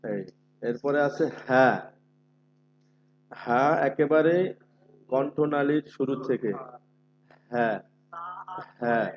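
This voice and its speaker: A man teaching Quran recitation in an online class, patiently repeating letter sounds slowly for his students. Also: mid-range voice, highs cut off, a little hiss or hum.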